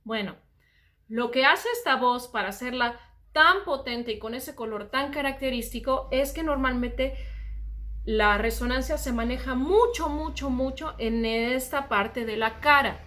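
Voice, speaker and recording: A Mexican woman teaching voice, calmly explaining singing technique and often saying "ajá". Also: sits high, a little slow.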